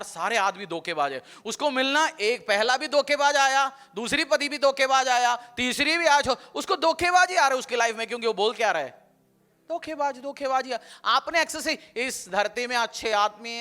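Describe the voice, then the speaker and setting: A male pastor delivers an animated sermon, his voice pitched high and bright. He drives points home with emphatic repetition and acts out quoted everyday speech. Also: clear, resonant tone. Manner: animated preaching, mixing English phrases.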